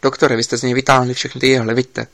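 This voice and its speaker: A man's voice: mid-range voice, flat delivery, gravelly, fairly bright tone, dry recording. A man reading an audiobook, voicing an insistent investigator giving urgent instructions over a line.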